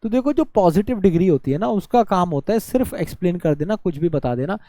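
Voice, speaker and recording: Male tutor, exam-prep lesson, self-quizzing delivery, soft dark tone, dead-dry booth. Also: high-pitched, lively intonation, brisk, dry recording. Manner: explains by asking and answering his own questions; drawls words out to show syllables. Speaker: teacher.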